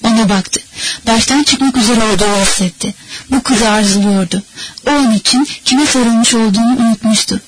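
A woman narrating a novel as an audiobook in a measured, steady reading manner. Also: on the high side, background noise. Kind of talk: scripted narration.

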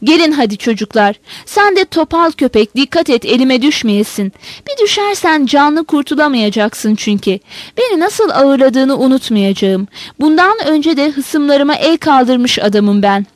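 A vicious young Cossack spitting out threats in a hoarse, furious voice, read by a woman. The voice stays high and sits close and dry. He sounds menacing and scornful. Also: big pitch swings, a little slow, dry recording. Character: angry young Cossack man, cruel and threatening.

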